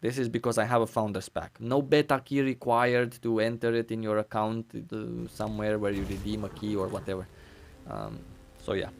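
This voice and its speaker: A man's voice: medium pitch, a little hiss or hum. A man live-streaming a video game, chatting casually and rambling with many fillers and restarts while he eats. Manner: rambling, full of fillers and restarts, talking with his mouth full. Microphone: desk mic.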